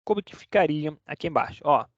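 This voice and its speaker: Guy teaching, kinda high voice, keeps going "right?", dull dry recording. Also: animated, brisk, dry recording. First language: Portuguese. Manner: chatty, keeps checking in with "né?" and "tá?". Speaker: Spanish teacher. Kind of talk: casual online lesson.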